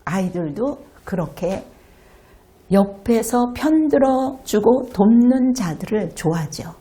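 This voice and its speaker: Animated Korean woman pastor preaching. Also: a little high, takes it slowly. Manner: animated preaching with acted child voices. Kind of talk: sermon. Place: church sanctuary.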